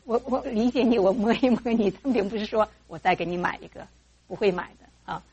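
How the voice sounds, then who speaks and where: Husky-voiced woman teaching mothers. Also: medium pitch, a little fast, highs cut off. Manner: lively, acts out parent and child voices. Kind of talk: church teaching talk.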